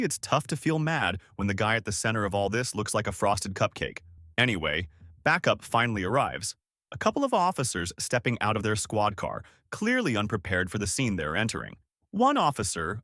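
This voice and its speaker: A man's voice: fairly low pitch, a bit bright, no room sound, clean studio sound. A man narrating a first-person story in a wry, sarcastic scripted style.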